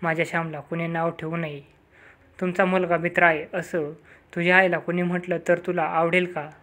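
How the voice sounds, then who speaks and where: A man's voice: sits high, steady tone, a little slow, sharp tone. A man reading the lines of a stern but loving village mother who scolds and then comforts her son. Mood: tender. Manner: scolding, then tender and pleading.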